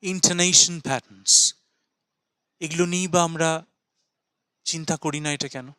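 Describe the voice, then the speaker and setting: A man teaching English writing in a video lesson, explaining in Bengali and reading English example sentences slowly, often asking and answering his own questions. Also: on the high side, fairly even intonation, pushed and bright, clean tone, no echo.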